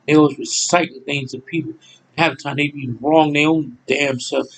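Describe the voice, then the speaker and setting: A man's voice: fairly high pitch, fairly even intonation, moderate pace, slight background noise, poor audio. A man, ranting angrily to his viewers in a repetitive monologue, cursing as he goes. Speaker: channel host. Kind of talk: angry monologue to camera.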